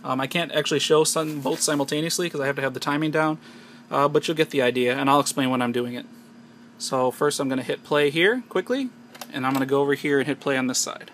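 A fast-talking American man from the United States, with a mid-range, fairly bright voice, gives step-by-step instructions in an improvised hands-on tech tutorial. It was filmed on a handheld camera, and the amateur audio is noisy.

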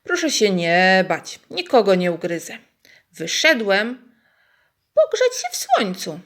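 A woman voicing a calm, courteous male grass snake in a children's storybook. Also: mid-range voice, takes it slowly, exaggerated voice. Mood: friendly. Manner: polite and reassuring.

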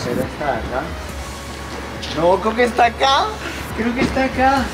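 A man's voice: extremely high pitch, moderate pace, over music. Chatty man. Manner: excited, chatty, talks to camera while walking. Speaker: toy collector vlogger. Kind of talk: casual travel vlog. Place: train, streets and small toy shop. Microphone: handheld camera.

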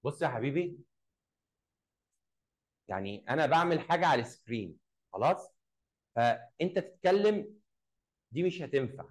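A man's voice: fairly high pitch, very animated, poor audio. Egyptian man drilling a class. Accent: Egyptian Arabic. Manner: drills phrases slowly and repeats them, questioning pupils. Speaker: English teacher. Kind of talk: classroom lesson.

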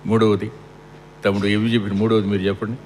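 A man's voice: lowish voice, level tone, fast talker, darkish tone. A middle-aged man preaching a funeral sermon, asking rhetorical questions and repeating lines for emphasis. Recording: long hall reverb with faint air-conditioning hum.

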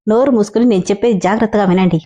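A woman's voice: medium pitch, very fast, mellow, dull audio, natural voice. A woman voicing a shy, fretful young man about to be married, in a read-aloud story.

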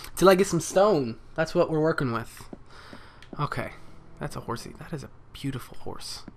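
A man's voice: mid-range voice, fairly bright tone, slight background noise. A man commenting casually and jokingly on his own gameplay, talking to the animals and monsters on screen. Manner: playful, jokey, talks to animals and mobs. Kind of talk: casual let's play commentary.

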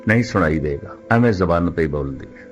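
A man preaching a religious discourse in a measured, deliberate way, slowing right down when he quotes scripture. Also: low voice, animated, faint music behind. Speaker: Sikh preacher.

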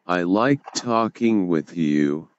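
A deep synthesized talking robot. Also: male voice, slow pace, clean tone, dry recording, dull audio. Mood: deadpan. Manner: flat, clipped machine speech with blunt replies. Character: dumb talking robot chatbot, male, cheeky.

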